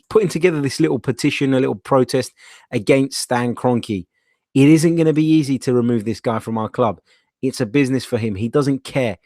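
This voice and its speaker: A man's voice: medium pitch, darkish tone, no room sound, studio quality. A man with a London accent casually presenting a live football fan phone-in in a blunt, matey way.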